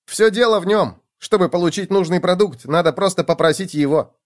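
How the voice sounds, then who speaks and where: A man voicing a cheerful, talkative male gopher in a children's storybook, speaking higher and brighter than his own voice. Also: a little fast, natural voice. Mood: explaining. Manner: bright, chatty, raised pitch. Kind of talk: storybook reading.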